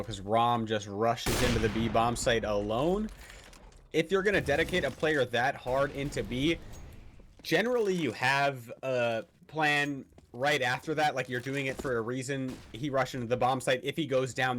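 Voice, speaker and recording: Man, esports caster, live play-by-play, excitable, faint noise. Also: medium pitch.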